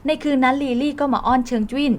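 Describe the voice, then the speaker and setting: A woman narrating a drama series recap in a brisk, continuous scripted retelling. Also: high-pitched, steady tone, darkish tone.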